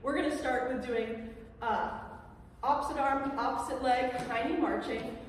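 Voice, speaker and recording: A woman exercise instructor with a high voice coaches at a slow pace, calling out counts and directions with encouragement. She is heard at a distance from the microphone in a very echoey room. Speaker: exercise instructor leading gait training. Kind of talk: instructional exercise class with called-out commands. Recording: echoey reverberant room, distant mic, faint noise.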